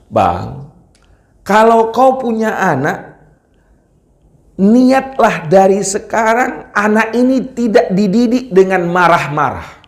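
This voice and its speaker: Preacher, male, higher-pitched voice, teasing and scolding the congregation, mosque reverb. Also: slow pace. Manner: lively, scolding and joking with the congregation. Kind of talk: Friday mosque sermon. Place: mosque hall. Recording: echoey mosque hall.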